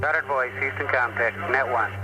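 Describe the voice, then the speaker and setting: A man making flat, clipped radio call-sign checks as a network communications controller over a muffled, breaking-up radio loop. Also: medium pitch, normal speed, loud music behind the voice. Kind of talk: radio procedure callouts. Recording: dull lo-fi archival radio audio.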